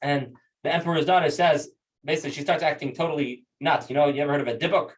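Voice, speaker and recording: A man, a rabbi, teaches a class by telling stories in an animated, conversational way. His voice is somewhat high for a man. He is picked up from a distance. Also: quick pace. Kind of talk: storytelling lesson. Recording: distant mic.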